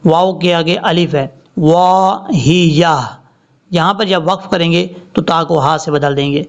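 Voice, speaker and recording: A male Quran teacher explaining tajweed rules and reciting each word slowly and drawn out. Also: fairly high pitch, fairly even intonation. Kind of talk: tajweed lesson with slow recitation. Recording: slightly dull lo-fi audio.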